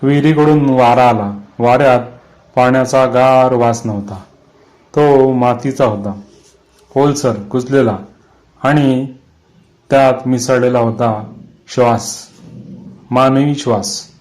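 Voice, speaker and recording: A man narrating a scripted horror story in a measured, suspenseful way. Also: mid-range voice, steady tone, darkish tone, rough recording.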